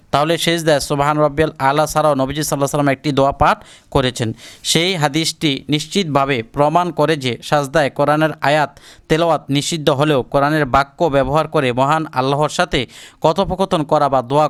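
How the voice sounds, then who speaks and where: Male religious teacher, fairly high, smooth resonant voice, careful instructional delivery that explains pronunciation step by step. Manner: drawn-out Arabic recitation for learners to repeat. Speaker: Islamic teacher. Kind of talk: religious lesson on prayers and pronunciation.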